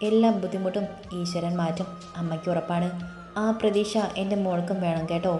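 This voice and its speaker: A woman voicing a caring, worried middle-aged mother who soothes and gently scolds, in a storybook reading with faint music in an echoey room. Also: lowish voice, steady tone, brisk, natural voice. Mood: soothing.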